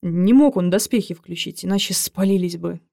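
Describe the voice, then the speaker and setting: A woman reader voicing a cheeky young man who speaks in hushed urgency and wheedles when he flatters. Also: lowish voice, normal speed, gravelly, no room sound, studio quality. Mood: urgent. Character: young male orderly, cheeky and quick.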